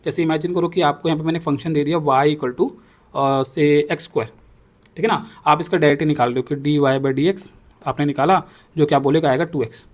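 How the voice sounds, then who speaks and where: A man's voice: fairly high pitch, steady tone, brisk. A young man teaching a maths class, explaining step by step and checking in often with his students. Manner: repeats himself, checks in with "ठीक है ना". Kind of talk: explaining on a whiteboard.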